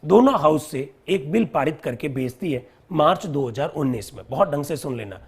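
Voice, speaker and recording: A man's voice: on the high side, lively intonation, fairly quick, husky. A man teaching a live online civics lesson, explaining step by step, repeating key terms and quizzing his viewers.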